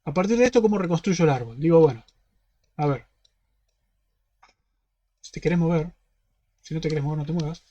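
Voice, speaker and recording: A man's voice: on the high side, brisk, long pauses, dark tone, muffled recording. A man with a Rioplatense Spanish accent teaching an online class. He explains step by step and keeps checking that students follow. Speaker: university teaching assistant.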